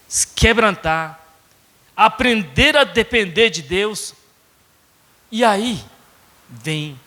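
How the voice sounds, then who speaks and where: Japanese-accented pastor preaching slowly. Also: male voice, fairly high pitch, pushed and bright, long reverb tail. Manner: conversational, frequent tag questions. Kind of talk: sermon. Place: church sanctuary.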